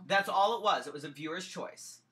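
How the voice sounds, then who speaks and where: A woman's voice: lowish voice, a little fast, fairly bright tone. A woman who performs as a drag king, co-hosting and giving blunt, opinionated takes with casual swearing. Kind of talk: casual chat.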